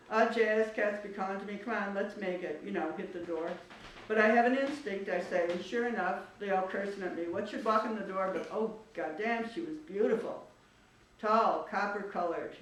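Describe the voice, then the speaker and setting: A woman's voice: medium pitch, distant mic, natural voice. Woman doing a cocky old jazz guy, bawdy street slang, echoey room, mic way off. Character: aging male jazz musician, boastful, brash and crude. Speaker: writer reading her own work. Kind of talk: dramatic reading of a first-person monologue. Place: art studio at a live reading.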